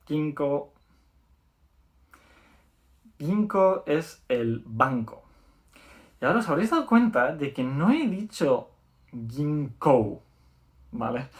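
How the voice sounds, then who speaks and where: Upbeat Spanish man teaching a lesson. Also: a little high. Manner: explanatory, repeats words slowly and checks in with "¿vale?". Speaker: language teacher. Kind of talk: video lesson.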